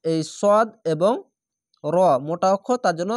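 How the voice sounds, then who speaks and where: A man with a Bangladeshi Bengali accent teaching Quran reading rules step by step, with slow drawn-out recited examples. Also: high-pitched, no room sound, studio quality. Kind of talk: spelled-out Quran recitation lesson.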